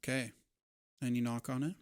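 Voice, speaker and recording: A man's voice: medium pitch, steady tone, a little fast, clean tone, no echo, studio quality. A man narrating a tabletop role-playing game as game master in a conversational way.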